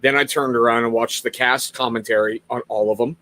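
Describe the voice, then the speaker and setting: A man's voice: mid-range voice, fairly even intonation, a little fast, sharp tone. A man hosting a casual livestream interview, upbeat and reading out viewer questions from the chat. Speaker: host.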